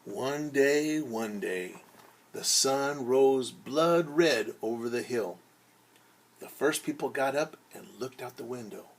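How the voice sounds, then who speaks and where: Taking on the role of a teacher for young children, a man tells a story theatrically, with pauses to explain words simply and acted-out sounds. His mid-range voice is expressive.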